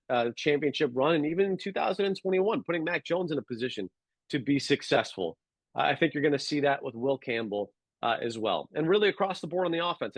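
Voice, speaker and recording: A man talking sports as a podcast guest, measured and analytical, with frequent fillers and restarts. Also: medium pitch, no room sound, rough recording. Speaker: guest sports radio producer. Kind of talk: casual sports podcast chat.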